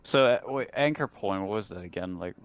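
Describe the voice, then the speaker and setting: A man is playing a tabletop game and chatting casually, his speech halting and musing. His voice sits fairly low with lively intonation, and there's faint noise on the recording.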